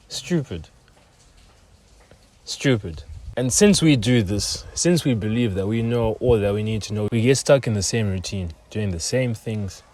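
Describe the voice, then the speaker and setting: A young man talking earnestly in a reflective personal monologue, his voice often trailing off softer at the ends of phrases. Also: mid-range voice. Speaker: self-improvement vlogger.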